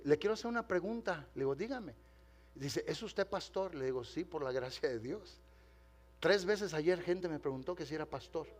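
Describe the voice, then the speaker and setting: A man pastor preaching a sermon in Spanish, telling a story with dramatic pauses, asking the congregation to respond and slipping in English phrases. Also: fairly high pitch, a little mellow. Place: church.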